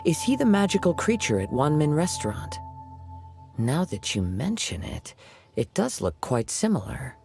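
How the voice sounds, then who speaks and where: A man voicing a gentle, polite young wanderer with a poetic way of speaking in a video game. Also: a little high, very animated, moderate pace. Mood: gentle, appreciative. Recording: clear music behind the voice.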